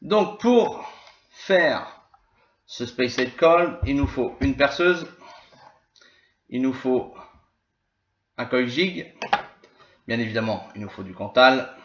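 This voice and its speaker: A man giving a casual hands-on tutorial as a gear reviewer, talking slowly and hesitantly with many filler sounds. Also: mid-range voice, animated. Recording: echoey room, dull lo-fi sound.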